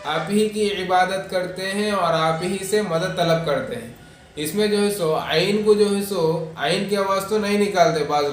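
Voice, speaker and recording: A male religious teacher, explaining pronunciation in a Quran recitation lesson and reciting verses slowly and drawn out. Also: a little high, slight background noise. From India. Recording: echoey room, distant mic.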